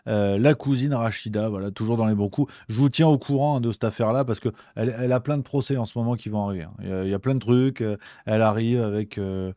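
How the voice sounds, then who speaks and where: A man's voice: fairly low pitch, quick pace, hardly any pauses, mellow, dry recording, studio quality. A man hosting a show, chatting loosely about the news with lots of fillers and restarts. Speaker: host. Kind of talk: casual news commentary.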